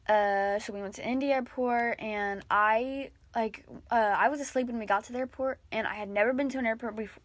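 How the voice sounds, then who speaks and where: A young woman vlogger telling an emotional story, rambling and halting with many fillers and restarts, sometimes dropping to a hush. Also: a little high. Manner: drops to a hushed whisper at sad moments.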